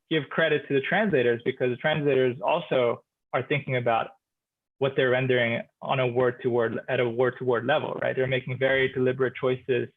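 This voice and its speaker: Over phone-quality sound, a literature professor with a medium-pitched, creaky voice joins a laid-back expert conversation. He thinks aloud hesitantly, with frequent restarts and fillers.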